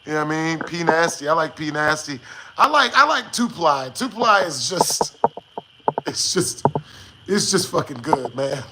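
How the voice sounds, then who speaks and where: Male streamer, high-pitched, unhurried, joking slangy chat, casual swearing. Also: animated, heavy background noise. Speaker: live streamer. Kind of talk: casual livestream chat with viewers.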